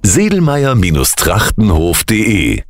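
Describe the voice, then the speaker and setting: A man's voice: lowish voice, huge pitch swings, slow pace, music in the background. A man voicing radio station promos and ads in a punchy, sing-song manner. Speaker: station announcer. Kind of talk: ad and jingle voice-over.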